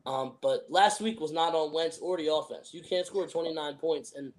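A man's voice: fairly high pitch, normal speed. A young man hosting a sports podcast, giving opinions in emphatic, casual frat-bro slang.

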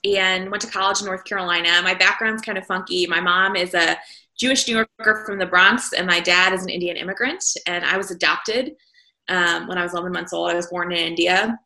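A woman from the American South tells her story as an interview guest, chatty and loose with her fillers. Her low-set voice carries a gravelly, vocal-fry texture but sounds bright and forward. The room around her is echoey. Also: steady tone, brisk. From Southern United States. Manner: conversational, frequent fillers. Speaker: entrepreneur guest.

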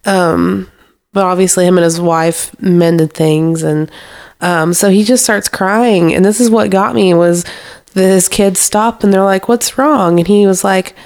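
A woman's voice: fairly low pitch, steady tone, measured pace, a little mellow. Giggly young woman chatting about movies. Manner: giggly, laughs often while retelling scenes. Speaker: podcast co-host. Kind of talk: casual movie review chat.

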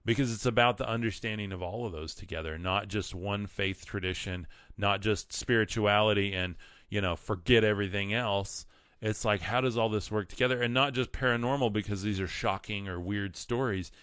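A man speaks in a deep, smooth voice with a West Texas twang. He hosts a casual livestream, earnest and emphatic, repeating words to drive them home. The sound is close and dry. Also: moderate pace, fairly bright tone, no echo. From West Texas, United States. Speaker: livestream host. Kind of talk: casual livestream monologue with read-out comments and quotes.

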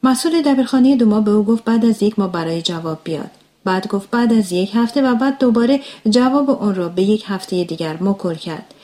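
Woman calmly narrating an audiobook. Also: mid-range voice. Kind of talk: audiobook story reading.

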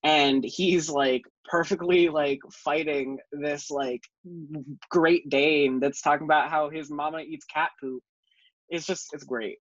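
A man's voice: a little high, fairly even intonation, slow, no room sound, highs cut off. A man who is a podcast guest, talking enthusiastically and filling his sentences with "like" and "um". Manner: enthusiastic, filler-heavy, lots of "like" and "um". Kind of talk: casual podcast discussion.

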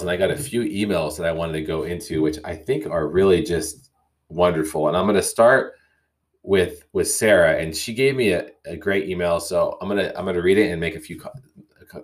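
A man with a somewhat low voice talks through his thoughts on a solo podcast. He reads listener emails aloud, then comments on them in a reflective, unhurried way, often restarting a phrase as he goes. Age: young adult or middle-aged, parent. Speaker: podcast host. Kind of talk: casual solo podcast talk.

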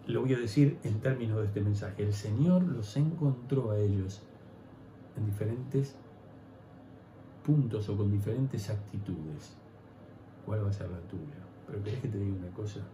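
A man with a Rioplatense Spanish accent preaching a sermon as pastor, swinging from hushed pleading to loud emphatic preaching. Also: on the low side, normal speed, reverberant, slight background noise.

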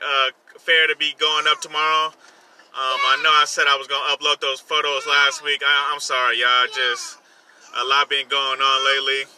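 A man's voice: medium pitch, pushed and bright. A man talking casually and informally in slang, repeating himself, as he hosts his own vlog segment from a car he is driving. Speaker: host of a personal podcast segment, songwriter. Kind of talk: casual solo vlog chat while driving. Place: inside a car while driving. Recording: vehicle noise in the background. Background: faint vehicle noise.

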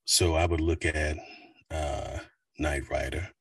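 A man in his forties from the United States, a voice actor and coach with a deep baritone, talking animatedly in an interview. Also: husky, dry recording, distant mic. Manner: animated, slips into quick voice demos. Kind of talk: casual interview talk.

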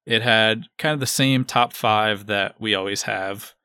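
A man's voice: on the low side, measured pace, sharp tone, clean tone, no echo. A man giving casual sports analysis as a podcast co-host.

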